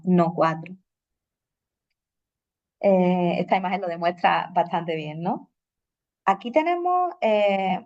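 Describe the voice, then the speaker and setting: A woman giving a talk as a language teacher, explaining at an easy pace with many "eh" fillers and questioning "¿no?" tags. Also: lowish voice. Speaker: Spanish teacher presenting. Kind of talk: conference talk with slides. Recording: dull lo-fi recording.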